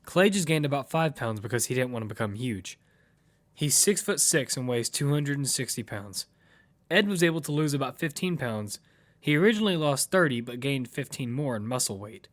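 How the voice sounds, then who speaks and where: Speaking expressively at normal speed, a man whose mid-range voice stays near everyday sound plays a determined lead narrating his own survival story. The first-person audio fiction is told matter-of-factly, with a music bed behind the voice.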